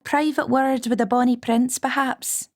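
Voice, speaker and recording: A man voicing a young, formidable witch woman with a Scottish accent, chiding in brisk dialect, for an audiobook. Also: very high-pitched, fairly even intonation, voice pushed up. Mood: firm. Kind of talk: audiobook character voice.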